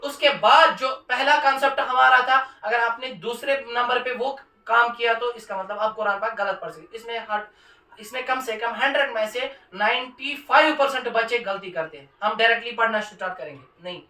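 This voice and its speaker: Guy teaching quran class, bright voice, keeps asking the class questions, echoey room, a bit off mic. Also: very high-pitched, distant mic. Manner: emphatic, quizzes the class with repeated questions. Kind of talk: classroom lesson.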